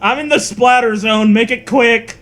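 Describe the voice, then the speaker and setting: A man voicing a gruff old male scientist who bellows and chuckles. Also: extremely high pitch, steady tone, moderate pace, fairly bright tone, voice pushed up.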